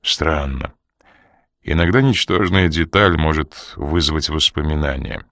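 A man voicing a cold, menacing man who presses a woman with slow, quiet, threatening questions. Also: extremely low pitch, dry recording, studio quality, pitched below the performer's own voice, full character voice. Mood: probing.

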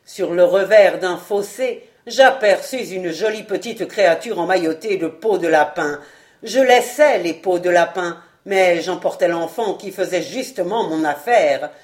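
A woman's voice: fairly low pitch, unhurried, darkish tone, close to an everyday voice. A woman voicing a cruel, ironic male ex-acrobat who mocks his dying foe, in a storybook reading. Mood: mocking. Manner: ironic, sneering.

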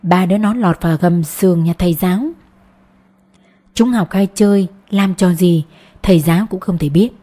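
A woman narrating a story with a warm, mellow voice. She reads at a steady, measured storytelling pace. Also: on the low side. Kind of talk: scripted audiobook narration.

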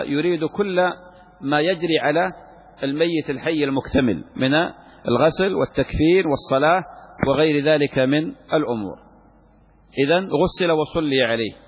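The voice belongs to a sheikh, a little high with a breathy edge, lecturing on a text of Islamic law. He raises questions and answers them himself, repeats phrases for emphasis, and is captured in a muffled lo-fi recording in a reverberant hall.

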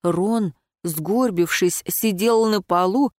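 A woman reading first-person fiction aloud in an expressive, emotional way. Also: mid-range voice, slow pace, no echo, clean studio sound. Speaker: audiobook narrator.

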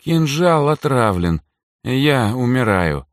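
Man reading doing a weak dying elf lady, slow and soft, dry close sound. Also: mid-range voice, big pitch swings, no echo, voice pushed up. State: weak, whispering. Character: dying elf woman, weak, tender, calm.

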